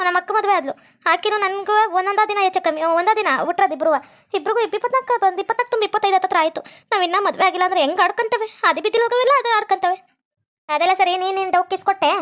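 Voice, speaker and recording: A woman's voice: very high voice, fairly bright tone. A woman with a North Karnataka Kannada accent voicing quarrelsome, dramatic young village women in a comedy cartoon. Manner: quarrelsome, scolding, rapid-fire. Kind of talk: comic cartoon voice acting.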